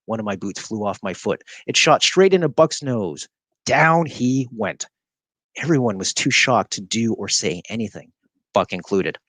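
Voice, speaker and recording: A man reading a children's story aloud, expressive and animated. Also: lowish voice, moderate pace, no room sound. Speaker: reader.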